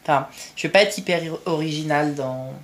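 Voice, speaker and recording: A woman co-hosting a podcast, speaking earnestly and in a measured way, with halting restarts. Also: low-pitched. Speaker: podcast co-host. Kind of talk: casual podcast chat.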